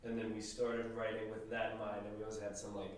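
Laid-back band member in an echoey room. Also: male voice, on the low side, quick pace, distant mic, slight background noise. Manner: relaxed, rambling, laughs easily. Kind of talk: casual interview chat.

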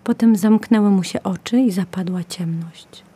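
A woman narrating a children's story in a gentle, measured way. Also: medium pitch, husky.

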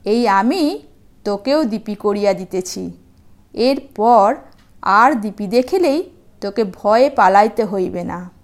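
Woman voicing a kindly, protective old sage, measured pace. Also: mid-range voice, animated, voice pushed down. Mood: tender, commanding. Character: kindly old male sage reassuring his pet.

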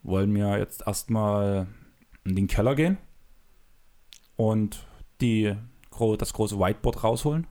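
A man's voice: fairly low pitch, a little slow, long pauses, warm tone. A man co-hosting a casual podcast who jokes and teases while pushing the conversation along with questions. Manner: teasing, joking, drives the conversation with questions. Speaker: podcast co-host. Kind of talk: casual basketball chat. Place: room with closed soundproof windows.

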